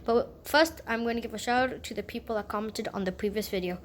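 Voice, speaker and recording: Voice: mid-range voice, fast talker, slight background noise. A casual host giving card magician patter as a step-by-step tutorial, often repeating and rephrasing instructions, in a voice that sounds like a woman's.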